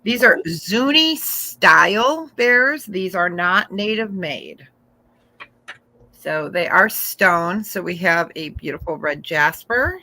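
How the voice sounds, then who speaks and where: Slow-talking bright-voiced woman auction host. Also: fairly low pitch, lively intonation, poor audio. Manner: chatty, describes items slowly, laughs often. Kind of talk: casual live sales chat.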